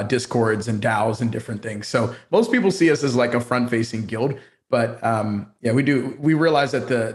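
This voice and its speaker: Playful man talking frankly in a chat. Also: mid-range voice. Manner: animated, playful, talks frankly with slangy asides. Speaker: guild founder guest. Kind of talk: casual chat.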